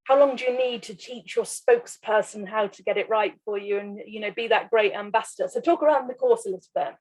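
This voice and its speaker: A woman hosts an interview, asking easygoing questions with a slightly husky, breathy tone. She nudges her guest along with casual fillers. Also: medium pitch, fairly quick, poor audio.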